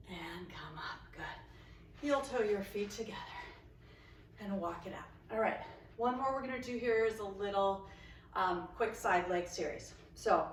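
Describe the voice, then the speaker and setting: A woman's voice: mid-range voice, roomy sound, recorded from a distance, slight background noise, rough recording. Woman fitness instructor counting reps. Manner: encouraging, counts reps aloud. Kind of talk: guided workout instruction.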